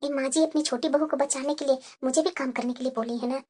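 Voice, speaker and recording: A woman voicing a selfish, sharp-tongued elder daughter-in-law in a cartoon, sarcastic and resentful. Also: very high-pitched, fairly quick, very noisy. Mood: muttering. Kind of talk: cartoon voice acting.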